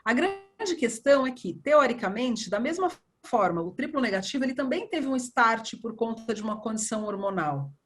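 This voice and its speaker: A woman surgeon, talking in a relaxed interview and acting out past conversations as she tells them. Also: on the high side, normal speed, few pauses. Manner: animated storytelling, acts out dialogue. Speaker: breast surgeon guest.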